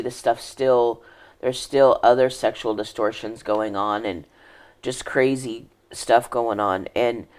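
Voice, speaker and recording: Earnest woman recounting her life story. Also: a bass voice. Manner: earnest, reflective, trailing off and restarting. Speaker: podcast guest. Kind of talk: personal life story in conversation.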